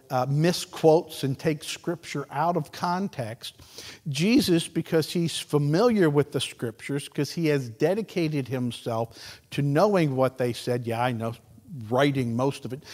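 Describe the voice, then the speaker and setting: A man's voice: fairly high pitch, takes it slowly, a little mellow. A man preaching a sermon as pastor, in a conversational, folksy way with some repetitions. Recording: long reverb of a large hall.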